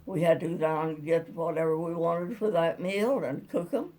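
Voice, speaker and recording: Talking at a normal speed, this woman, over one hundred, reminisces about her childhood for an interviewer. Her fairly low, darkish voice carries a relaxed, wandering, down-to-earth storytelling style.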